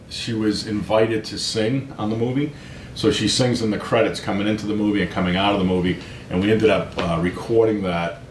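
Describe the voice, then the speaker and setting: Casual and self-deprecating, a middle-aged American man shares anecdotes as an interview guest, peppering his storytelling with check-ins like "you know" and "right?" There's a roomy echo on the recording along with low rumbling in the background.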